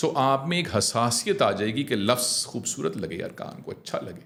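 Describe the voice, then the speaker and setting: Brief: middle-aged man, communication coach, lively and demonstrative, average pitch. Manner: animated, mixing English phrases, demonstrating slow clear diction. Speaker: communication trainer, guest. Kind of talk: conversational coaching.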